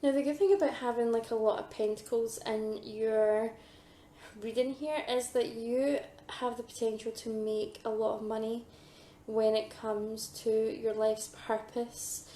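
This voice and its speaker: Psychic woman doing a tarot reading, slow and mellow, husky from losing her voice, hesitant, in a roomy space. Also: on the high side, fairly even intonation, a little hiss or hum. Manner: hesitant, many ums and "I feel like" asides. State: losing her voice, throat trouble. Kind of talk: pick-a-card tarot reading to camera.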